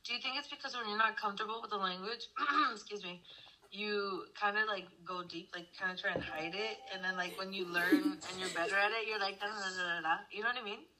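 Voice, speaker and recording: A young woman talks with friends in a bubbly, chatty way. Her voice is very bright and forward. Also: medium pitch, steady tone, fairly quick, low-quality recording. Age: young adult. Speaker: co-host. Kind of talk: casual chat.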